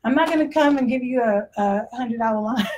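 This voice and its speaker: A woman's voice: fairly high pitch, fairly quick, darkish tone, slight background noise. A woman with a Texas accent preaching a sermon in a blunt, conversational way, often laughing. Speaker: pastor.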